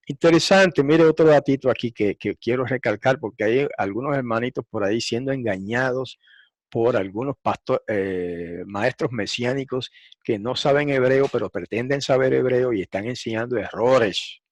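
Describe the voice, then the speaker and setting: Man, Bible teacher, recorded lesson, explains and repeats, mid-pitched voice, dry sound. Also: normal speed, dry recording. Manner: explanatory, repeats points for emphasis; frequent throat clearing and fillers.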